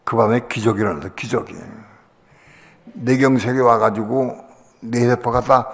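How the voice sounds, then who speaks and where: Older pastor preaching with hall reverb. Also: male voice, mid-range voice, fairly even intonation, normal speed. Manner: storytelling, acting out voices with sudden loud bursts. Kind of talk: sermon testimony. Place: church sanctuary.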